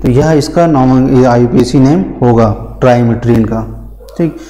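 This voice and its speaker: A man's voice: mid-range voice, normal speed, mellow, low-quality recording. A man teaching a pharmacy class at a board, explaining step by step, repeating key terms and answering his own questions. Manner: calls students "beta". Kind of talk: whiteboard lecture.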